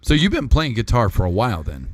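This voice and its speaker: A man in his thirties hosting a podcast, asking questions in a halting way with frequent restarts and "you know"s. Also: medium pitch, big pitch swings, no room sound, studio quality. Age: 30s. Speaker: podcast host. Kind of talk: casual chat.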